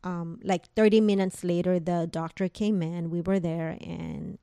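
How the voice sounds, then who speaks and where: A woman's voice: lowish voice, fairly even intonation, a little slow, creaky, warm tone, clear, resonant tone, dry recording, clean studio sound. A woman telling a personal story in conversation, retelling what people said through quoted dialogue, with casual fillers.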